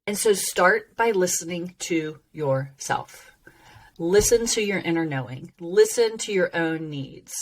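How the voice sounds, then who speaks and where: A woman teaching informally like a self-help coach, emphatic and encouraging, with long, drawn-out sibilant s sounds and frequent check-ins. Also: on the low side, lively intonation, rough recording.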